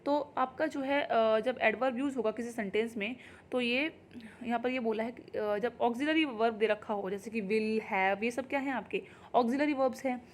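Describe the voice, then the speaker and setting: A woman teacher, explaining grammar in Hindi and reading example sentences slowly and carefully. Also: a little high, slight background noise. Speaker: English teacher. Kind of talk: exam-prep grammar lesson.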